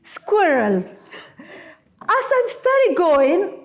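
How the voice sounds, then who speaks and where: A woman's voice: high voice, unhurried. A woman in her forties giving a sermon as a guest speaker, telling personal stories with humorous asides. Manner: animated, storytelling, humorous asides. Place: church.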